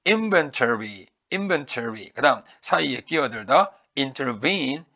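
Gravelly Korean vocabulary teacher drilling words. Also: male voice, medium pitch, lively intonation, sharp tone, dull audio. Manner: drills pronunciation with repeated words, stretched slowly; asks and answers his own questions. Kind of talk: recorded vocabulary lecture.

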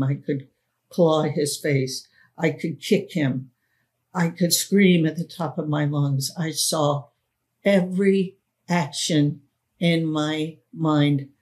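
Slow, solemn woman reading her memoir. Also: low voice, a little mellow. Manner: slow, solemn, deliberate storytelling. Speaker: author and podcast host.

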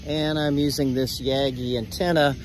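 A man's voice: medium pitch, little pitch movement, moderate pace. A man in his forties speaking as an amateur radio operator, narrating and making call-outs in a procedural way outdoors. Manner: procedural, spelling call signs phonetically. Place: open parking lot outdoors at night. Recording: noisy outdoor recording with traffic ambience.

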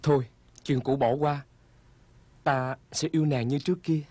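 A man playing a calm, forgiving young husband in a dubbed folk-tale drama. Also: mid-range voice, moderate pace, slightly rough, dry recording, lightly acted. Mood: tender.

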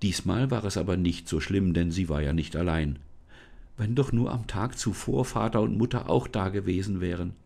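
A man reading a children's storybook aloud in a calm, measured way, with small thinking-aloud asides. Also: low-pitched, vocal fry. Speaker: volunteer children's book reader.

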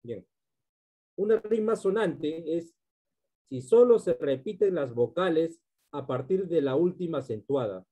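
A man's voice: a little high, lively intonation, measured pace, dark tone, breathy edge. A male teacher giving a literature class, explaining step by step and often checking in with his students.

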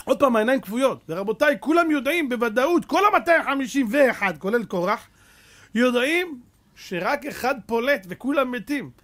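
A man's voice: very high voice, animated, a bit bright. A man preaching a Torah sermon as a rabbi, fervent and full of rhetorical questions, mixing street slang with scripture.

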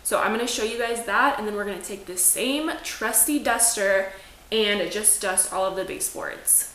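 A woman's voice: medium pitch, moderate pace, fairly bright tone. A woman in her twenties chatting casually through a home cleaning vlog, upbeat and full of fillers. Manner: chatty, upbeat, says "like" often. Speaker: lifestyle vlogger. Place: small apartment living room, indoors. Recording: echoey room, faint room noise.

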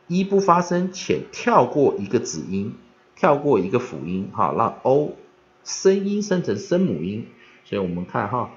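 A male teacher explains vocabulary at an unhurried pace, his pitch rising and falling a great deal. He drills each word slowly three times over. The recording sounds dull and lo-fi. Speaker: English teacher. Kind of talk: vocabulary pronunciation lesson.

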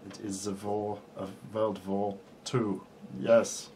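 Dry deadpan man. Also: on the low side, slow, slight background noise. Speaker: co-host reviewing a board game. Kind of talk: casual comedic chat.

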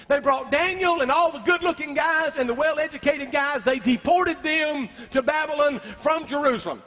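A man preaching a sermon as pastor, emphatic and calling on the congregation for amens. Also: extremely high pitch. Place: church sanctuary. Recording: dull recording with long hall reverb.

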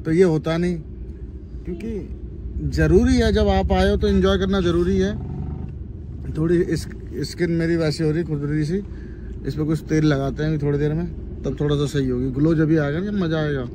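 A man's voice: on the high side, steady tone, moderate pace. A man in his thirties chatting to a phone camera while riding in a car on a road trip. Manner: chatty, talks to camera while driving and cooking. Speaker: vlogger. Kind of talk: casual travel vlog chat. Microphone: phone at arm's length. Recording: phone audio with loud road and car noise.

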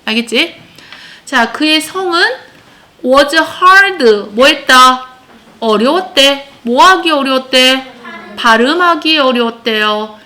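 Woman, English teacher, high voice, bright tone, drills her pupils, checks in often. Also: animated, takes it slowly. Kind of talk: classroom lesson explaining an English text.

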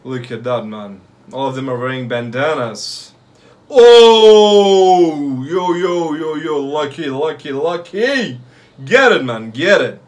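Slangy young man, higher-pitched, reacting live. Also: sing-song. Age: young adult. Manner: casual street slang, like "yo", "fam", "bro", "no cap"; repeats short phrases rapidly, swears freely. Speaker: anime reaction host. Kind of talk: excited live reaction commentary. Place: small bedroom or home room, indoors.

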